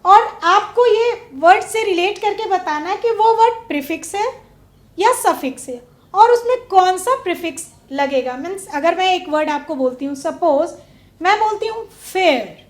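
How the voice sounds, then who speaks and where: A woman with a very high voice leads a classroom lesson. She questions her pupils and lingers over each example word. The room around her echoes. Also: lively intonation. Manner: slow, drawn-out stress on example words; asks pupils questions and waits. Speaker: teacher. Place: studio classroom.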